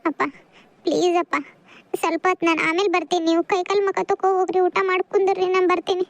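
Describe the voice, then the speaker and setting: A woman's voice: very high voice, little pitch movement, fast talker, dry recording. A woman voicing a sorrowful cartoon girl. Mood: sad. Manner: sorrowful, soft-spoken. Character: grieving gentle young village girl. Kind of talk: cartoon voice acting.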